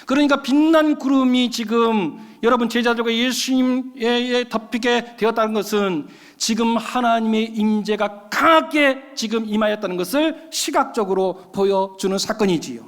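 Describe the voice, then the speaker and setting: A male pastor delivering a sermon, telling a story in an animated way and addressing the congregation. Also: very high voice, moderate pace. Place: church sanctuary. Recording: long reverb of a church hall.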